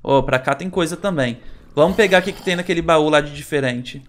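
A man's voice: on the high side, fairly quick, fairly bright tone. A Brazilian man hosting a Minecraft let's play, chatting to viewers and nervously exclaiming as he explores. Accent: Brazilian Portuguese. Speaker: gaming channel host.

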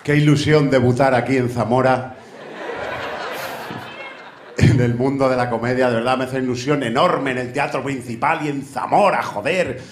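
A man's voice: mid-range voice, normal speed, long pauses, a little hiss or hum. A man in his thirties with a Spain Spanish accent doing a stand-up comedy monologue on a theater stage, brash and profane, chatting with the crowd. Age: 30s. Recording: echoey theater with faint audience.

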